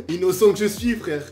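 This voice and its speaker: A young man telling travel stories in a casual vlog, slangy and jokey, with exaggerated asides. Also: a little high. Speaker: vlogger.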